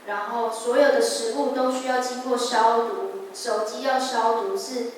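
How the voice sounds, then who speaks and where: A woman's voice: a little high, fairly even intonation, a little hiss or hum. Young woman testifying in an echoing hall. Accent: Taiwanese Mandarin. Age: young adult. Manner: earnest, halting, with restarts. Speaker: church member giving testimony. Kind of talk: personal testimony at a church service. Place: large church hall. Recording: echoey hall, mic far off.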